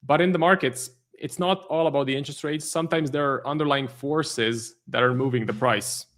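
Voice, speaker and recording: A man's voice: on the high side, fairly quick, a bit bright. A man, a trading stream host giving live market commentary, thinking aloud with many fillers and restarts. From Croatia.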